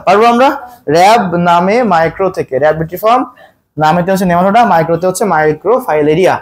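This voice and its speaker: A man teaching a biology exam-prep lesson. He keeps quizzing his students and repeats each question, then slows down to spell out scientific terms. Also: sits high.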